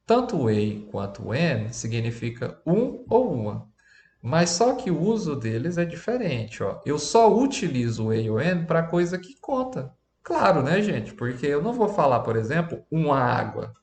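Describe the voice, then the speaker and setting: A man's voice: mid-range voice, darkish tone, echoey room. A man teaching an English lesson with a Brazilian Portuguese accent, chatty and often checking in with his students.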